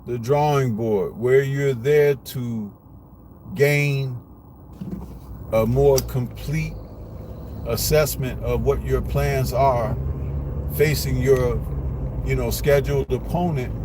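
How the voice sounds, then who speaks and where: A man's voice: mid-range voice, fairly even intonation, slow, long pauses. A man hosting a live boxing commentary stream, blunt and rambling, with lots of rhetorical questions. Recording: noisy live stream with street and car noise.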